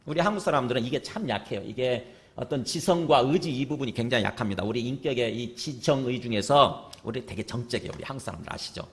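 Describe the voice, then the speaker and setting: A man's voice: mid-range voice, quick pace, few pauses. A male pastor preaching a sermon in a conversational way, often asking the congregation rhetorical questions. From South Korea.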